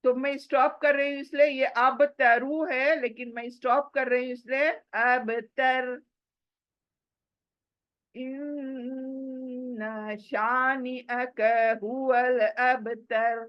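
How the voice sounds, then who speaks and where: A woman with a fairly high voice teaches recitation rules patiently, slipping into her explanations. She models the verses slowly and clearly for her students. The recording is dull and lo-fi. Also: fairly even intonation, no room sound. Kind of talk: tajweed lesson with recitation.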